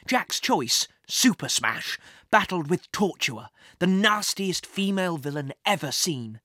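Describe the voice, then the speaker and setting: Woman narrator, children's story, lowish voice, lively expressive reading, dry close sound. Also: unhurried, dry recording. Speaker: audiobook narrator.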